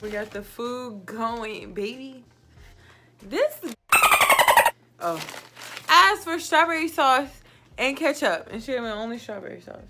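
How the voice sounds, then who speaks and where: A makeup vlogger in her twenties chats casually to camera, tipsy, giggly, and rambling as if drunk. Her high voice is expressive and slow, with long pauses. She's close to the camera on a small indoor home set, and the recording is very noisy.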